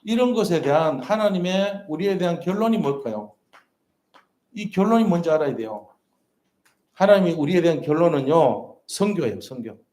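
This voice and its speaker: A male pastor preaching in a church sanctuary, his voice sitting a little high for a man. He presses his points earnestly, repeating them and asking the congregation rhetorical questions. The sound carries a roomy church echo. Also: lively intonation, moderate pace, darkish tone. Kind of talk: sermon.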